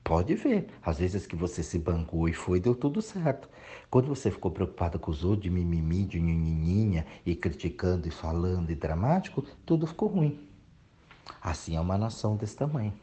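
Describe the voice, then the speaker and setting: Deep, animated man lecturing. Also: fairly quick. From Brazil. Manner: preachy, emphatic, mocking whiny voices. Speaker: motivational speaker. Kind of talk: reflective monologue.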